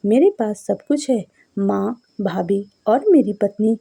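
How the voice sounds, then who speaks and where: A woman's voice: mid-range voice, slow, gravelly, mellow, husky, heavily acted. Woman voicing a respectful young merchant. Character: obedient young merchant man. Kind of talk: devotional story reading.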